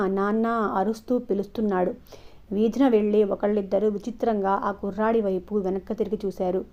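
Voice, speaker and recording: A woman storyteller reading a novel aloud in a steady, expressive storybook style. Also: medium pitch. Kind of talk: scripted narration of an audio novel. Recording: dull lo-fi recording.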